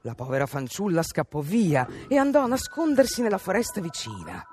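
A woman reading a fairy tale aloud for radio with an expressive, animated delivery. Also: fairly low pitch, a little fast, soft background music. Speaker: storyteller.

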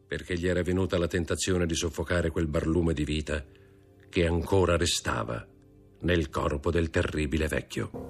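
A man with a very deep voice reads a classic novel aloud, measured and expressive. His narration moves steadily through the scenes. Faint music runs quietly behind him. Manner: measured, expressive literary reading. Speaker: audiobook narrator. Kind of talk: audiobook reading of a classic novel.

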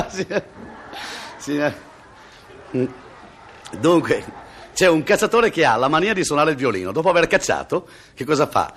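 Lively man telling jokes on radio. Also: a little high, normal speed, pauses often, a little hiss or hum. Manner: lively, laughs at own jokes, acts out voices. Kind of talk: radio joke-telling monologue.

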